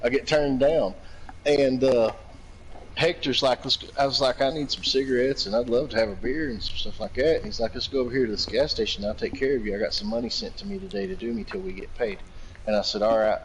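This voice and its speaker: A man's voice: medium pitch, fast, creaky, rough recording. Man, from Virginia, casual chat, profane, rambling stories, faint background hiss. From Virginia, United States. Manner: profane, rambling anecdotes, laughs a lot.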